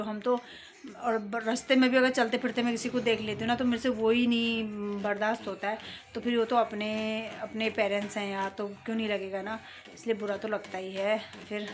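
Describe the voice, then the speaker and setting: A middle-aged woman vlogger talking casually and at length, with rambling, conversational storytelling and frequent throat clearing. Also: mid-range voice. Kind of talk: casual chat.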